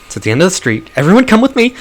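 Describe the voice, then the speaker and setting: A man voicing a frantic, bossy young orc girl in a game, pushing his voice high and loud. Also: wildly swooping pitch, very fast. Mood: urgent. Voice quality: high and shouting.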